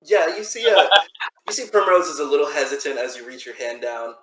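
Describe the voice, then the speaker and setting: A man's voice: fairly high pitch, lively intonation, brisk, roomy sound, over a noisy crowd, poor audio. A man narrating as game master of a tabletop game, rambling loosely with many restarts.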